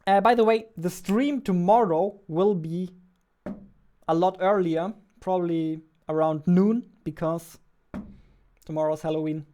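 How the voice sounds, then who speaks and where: Speaking into a close boom-arm studio mic, a twenty-something game developer chats playfully and informally on his livestream. His voice sits high, a little slow, and dark in tone, with slight hiss or hum. He's in a small room with a dark backdrop.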